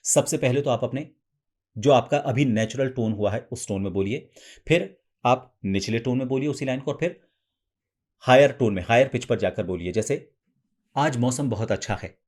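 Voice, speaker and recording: A man with an ordinary mid-range voice teaches voice practice in a calm, methodical way. He walks through each day's exercise and sometimes lifts his pitch to model a lighter, softer delivery. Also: moderate pace. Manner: patient, step-by-step explaining, demonstrates lines in a raised feminine pitch. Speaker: voice coach. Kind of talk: instructional explanation.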